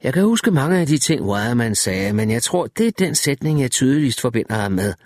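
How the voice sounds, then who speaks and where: A man narrating an audiobook story in the first person, with an expressive storytelling delivery. His pitch moves in a lively way across phrases. The reading is recorded dry and close, with no room sound. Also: no echo.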